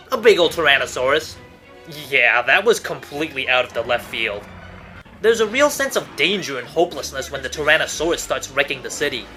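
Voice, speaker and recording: With background music under him, a man with a bright, forceful, somewhat high voice hosts an online cartoon countdown, reading a scripted review emphatically and slipping in wry asides.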